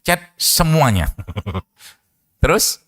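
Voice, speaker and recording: Animated man telling stories in a lecture. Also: fairly high pitch, extremely slow. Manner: storytelling, animated, laughs often. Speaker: preacher and doctor. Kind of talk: casual religious lecture.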